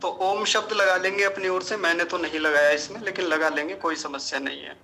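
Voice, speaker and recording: A male teacher giving a pronunciation lesson, sounding each syllable out slowly and carefully and then chanting the verse in a sung tone. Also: sits high, steady tone, gravelly, pushed and bright, slight background noise, low-quality recording. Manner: slow, careful syllable-by-syllable enunciation. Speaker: Sanskrit teacher.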